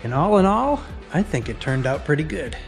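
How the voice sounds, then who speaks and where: A man's voice: a little high, very animated, moderate pace. A man in his forties giving plain, practical step-by-step welding instruction in a large metal workshop. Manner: practical, plain-spoken, explains each step. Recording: echoey workshop with faint music.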